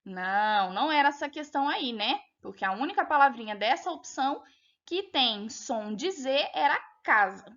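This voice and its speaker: Going over a test with her young pupils, a Brazilian primary school teacher works through each answer in turn, speaking animatedly at a normal speed. Her high voice is fairly bright, and she patiently explains step by step while asking whether they follow. The lesson recording sounds dull and lo-fi.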